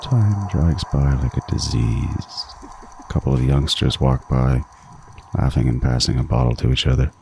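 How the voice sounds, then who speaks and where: A very deep male voice with vocal fry, heard over music, belongs to an actor playing a meticulous, obsessive serial killer. He narrates a horror audio drama in a brooding, deliberate, menacing way.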